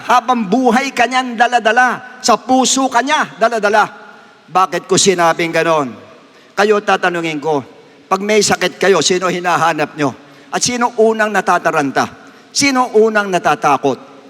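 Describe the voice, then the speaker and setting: Man, pastor, sermon, high-pitched voice, long hall reverb. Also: a bit bright. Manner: emotional, rising to emphatic high pitch. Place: church worship service. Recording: long echo of a church hall.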